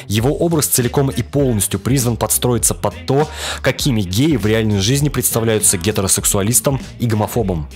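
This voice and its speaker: Over background music, a young adult reviewer from Russia narrates a wry, scripted cartoon review. His voice sits on the low side with a darkish tone, and he talks a little quickly.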